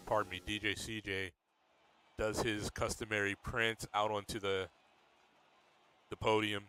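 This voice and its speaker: A man commentating a sim racing league race in a relaxed, steady play-by-play manner. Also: lowish voice, a little slow, long pauses, faint music behind. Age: adult.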